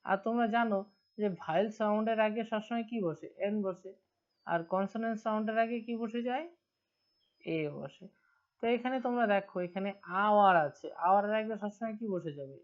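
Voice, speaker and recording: A woman's voice: medium pitch, brisk, darkish tone. Bengali woman teaching English grammar. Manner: asks students questions and answers them herself. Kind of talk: online grammar lesson. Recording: dull lo-fi recording.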